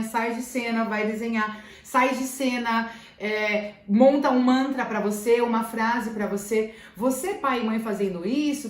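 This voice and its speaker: A woman teacher with a Brazilian Portuguese accent talks earnestly to parents and repeats key phrases for emphasis. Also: a little high. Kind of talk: talking to parents. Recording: roomy echo.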